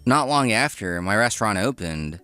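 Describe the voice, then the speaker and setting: A man's voice: fairly low pitch, expressive, normal speed, pushed and bright, clean tone, no room sound, soft background music. A man reading scripted first-person narration with acted dialogue as a dry restaurant owner in a comic dub. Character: dry, workaholic young male restaurant owner.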